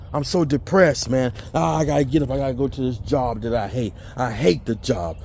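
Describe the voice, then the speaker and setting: A man's voice: a little high, gravelly, a little mellow, a little hiss or hum. A man in a blunt, preachy motivational rant, cursing and mimicking people who make excuses. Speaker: motivational vlogger.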